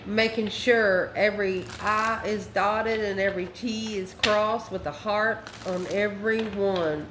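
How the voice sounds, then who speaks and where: A tarot card reader talks at a measured pace with few pauses, her mid-range voice keeping fairly even intonation. She speaks straight to the viewer in a loose, conversational, exclamatory reading. The room is echoey with faint background noise.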